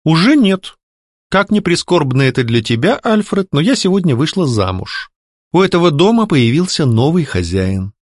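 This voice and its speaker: Reading an audiobook aloud, a man voices the proud, sharp-tongued young lady of a haunted house, who mocks, scolds and speaks with irony. Her sharp, lilting voice climbs high with big pitch swings at a moderate pace, recorded dry and close with no room sound.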